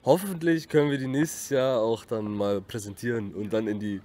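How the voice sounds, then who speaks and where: A man's voice: medium pitch, moderate pace, mellow. A young rapper, a man with a Russian accent, chatting casually in an interview. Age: young adult. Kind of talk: casual interview chat with slang. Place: outdoors in a leafy park. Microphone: shared handheld interview microphone. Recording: faint outdoor background noise.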